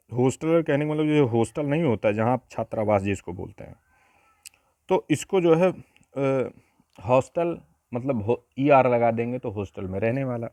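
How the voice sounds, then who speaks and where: A man's voice: medium pitch, darkish tone, dry recording. Man teaching grammar with rhetorical questions. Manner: explains step by step with frequent rhetorical questions. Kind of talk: exam-prep grammar lesson.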